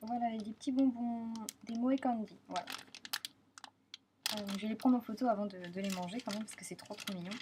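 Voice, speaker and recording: A woman's voice: on the high side, brisk, background noise. A young woman from France chatting casually in a travel vlog, gushing and repeating herself, often trailing off mid-sentence. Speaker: vlogger.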